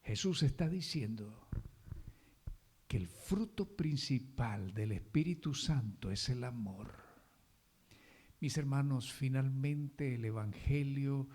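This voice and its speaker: A male pastor preaches slowly, his medium-pitched voice a little mellow and broken by long pauses. He poses questions to the congregation, answers them himself, and leans hard on key words.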